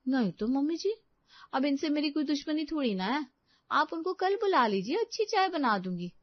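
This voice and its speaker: Cartoon role: a woman playing a scheming young bride, bright and high, loud and mouthy. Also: very animated, normal speed, no room sound. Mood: sassy. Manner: loud, sassy, talks back. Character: cheeky scheming young daughter-in-law. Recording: dull dry lo-fi recording.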